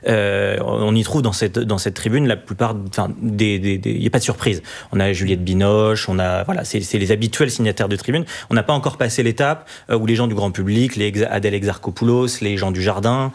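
A male panelist on a radio debate show, talking very fast. He piles up points in dense runs and often restarts his sentences. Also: fairly low pitch, steady tone, gravelly. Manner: rapid, dense argument with frequent restarts.

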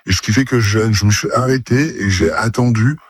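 A man's voice run through a voice changer so he cannot be recognised, pitched low with a husky, grainy edge. He talks haltingly as a witness, restarting his sentences, and sounds close and dry. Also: no room sound. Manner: hesitant, restarting sentences, indignant. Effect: voice disguised with a voice changer for anonymity. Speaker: local resident interviewed as a witness. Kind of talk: news interview clip.

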